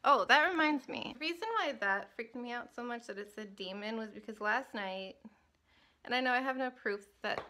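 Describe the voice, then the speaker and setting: A woman's voice: fairly high pitch, normal speed, bright, forceful tone, slight background noise. A young woman vlogger talking casually to camera, rambling and self-mocking, often laughing at herself.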